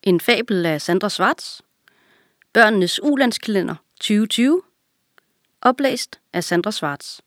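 A woman calmly and clearly reading a fable aloud for children. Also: mid-range voice, no echo, studio quality. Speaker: reader.

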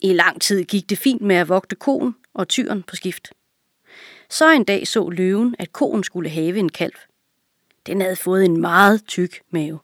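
Woman calmly reading a children's fable. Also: fairly low pitch, no echo, studio quality. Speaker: reader.

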